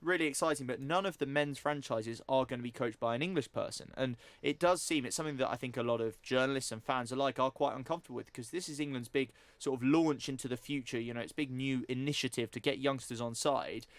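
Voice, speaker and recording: A male sports radio presenter talks quickly and fluently, laying out a news story and then arguing his view. His voice sits at a middle pitch. It is recorded close and dry in a studio. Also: dry recording. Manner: fast, fluent news rundown with opinions.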